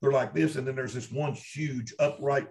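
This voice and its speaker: A Kentucky-accented Bigfoot researcher, interviewed as a guest, tells his own stories in a medium-pitched, steady, slightly mellow voice at normal speed. His delivery is conversational and folksy, and he repeats himself for emphasis.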